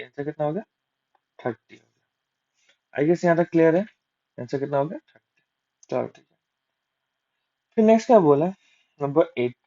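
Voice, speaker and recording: Guy w doing exam maths step by step, talks himself thru sums, mellow voice, bit muffled. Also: on the high side. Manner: works sums aloud step by step, asks and answers himself; mixes English maths terms into Hindi. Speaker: maths tutor. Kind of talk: exam-prep maths lesson. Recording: dull lo-fi recording.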